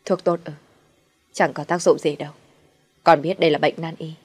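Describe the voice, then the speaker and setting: Audio-story role: unstable ailing young man, acted by a woman, loud, low outbursts. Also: fairly even intonation, moderate pace, husky, faint music behind. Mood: resigned. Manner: shouting, agitated. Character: sickly volatile young husband, fearful of death.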